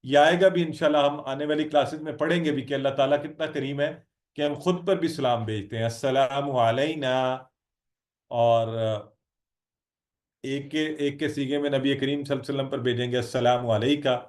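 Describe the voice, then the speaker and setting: A man's voice: medium pitch, steady tone, a little mellow. Patient male teacher on a video call. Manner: patient, encouraging, drills students. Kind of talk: online Arabic lesson.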